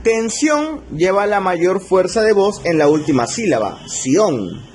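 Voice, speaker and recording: A man teaching a recorded spelling lesson, slowing down to stress key rules and checking in with his students. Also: a little high, a little hiss or hum. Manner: slow, stretched emphasis on key rules, frequent check-ins. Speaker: language teacher.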